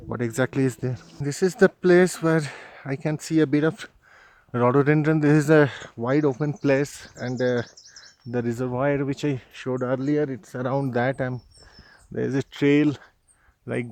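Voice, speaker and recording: A man's voice: mid-range voice, darkish tone. Man chatting while hiking a trail. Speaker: travel vlogger. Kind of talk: casual walking commentary. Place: outdoor mountain trail. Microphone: handheld phone camera.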